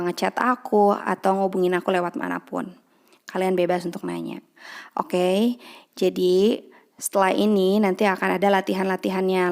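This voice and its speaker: A woman's voice: mid-range voice, creaky, darkish tone. Chatty young woman teaching English. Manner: chatty, repeats example phrases slowly. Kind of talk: casual online lesson.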